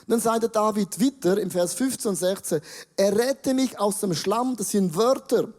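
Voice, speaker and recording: A man in his forties with a Swiss German accent, preaching a sermon as pastor in an animated, emphatic way with dramatic pauses. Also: sits high. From Switzerland. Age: 40s.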